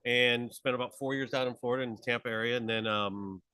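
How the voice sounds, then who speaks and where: A man's voice: medium pitch, steady tone, fast, bright, forceful tone, clear, resonant tone, no room sound, rough recording. A man from Pittsburgh, the conference chair, chatting in a live interview with an upbeat, enthusiastic, rambling manner. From Pittsburgh, USA. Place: conference hall table.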